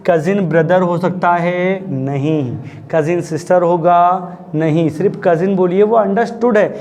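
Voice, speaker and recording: Explaining English grammar to a class, a man keeps things chatty and frequently asks if everyone understood. His voice is a little high. There's slight background noise.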